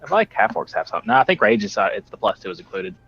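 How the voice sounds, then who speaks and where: A man playing a tabletop game, chiming in with quick rules questions. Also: lowish voice, big pitch swings, fairly bright tone, husky. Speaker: player. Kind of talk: casual tabletop game talk. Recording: dull lo-fi sound.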